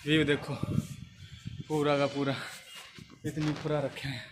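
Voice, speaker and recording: A man's voice: fairly high pitch, little pitch movement, measured pace, background noise. A young man, chatting casually as he walks through temple grounds, filming himself on a phone at arm's length. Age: young adult. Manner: chatty, calls viewers brother, narrates as he walks. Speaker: travel vlogger. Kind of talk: casual walking vlog. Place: temple grounds and stairwells, indoors and out. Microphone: phone held at arm's length.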